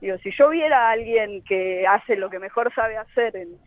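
A woman's voice: medium pitch, moderate pace, no echo. A woman with a Rioplatense Argentine accent, a guest musician telling a rambling story over the phone with lots of filler phrases. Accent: Rioplatense Argentine Spanish. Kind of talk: anecdotal phone interview. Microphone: telephone line. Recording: dull lo-fi phone line.

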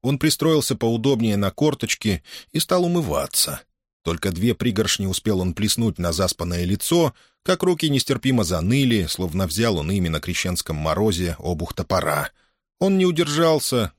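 Lively male audiobook narrator. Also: lowish voice, no echo, studio quality. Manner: expressive, lively storytelling. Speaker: audiobook reader. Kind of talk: scripted narration.

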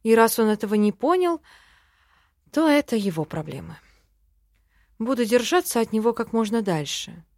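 A woman narrating a fantasy novel in first person, wry and expressive. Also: a little high, moderate pace, pauses often, no room sound. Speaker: audiobook narrator.

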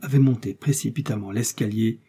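Husky dark-voiced male narrator. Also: on the low side. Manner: measured, dramatic reading. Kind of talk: audiobook narration.

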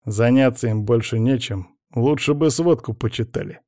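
A man's voice: medium pitch, moderate pace, darkish tone, dry recording, studio quality, natural voice. A man voicing a sulky, sarcastic young male necromancer who grumbles. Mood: grumbling. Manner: grumbling, dragging.

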